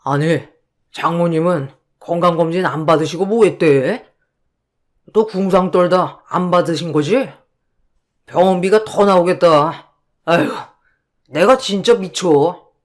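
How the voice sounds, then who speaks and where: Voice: mid-range voice, unhurried, pauses often, close to an everyday voice. A voice actor playing a selfish husband who scoffs and complains in a radio drama. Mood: scornful. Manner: scornful, complaining. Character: selfish dismissive husband, adult man. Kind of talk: Korean radio drama reading.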